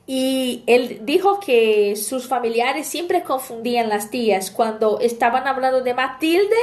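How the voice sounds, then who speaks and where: High-voiced woman teaching casually. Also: expressive, unhurried, darkish tone. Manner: chatty, explaining with anecdotes and frequent "¿bien?". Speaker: language teacher. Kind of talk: online language lesson.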